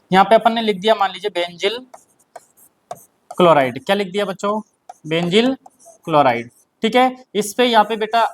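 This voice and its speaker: A male chemistry teacher with a Hindi accent, lecturing and dictating notes. He keeps asking the class questions and answering them himself, and he repeats key terms slowly. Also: sits high.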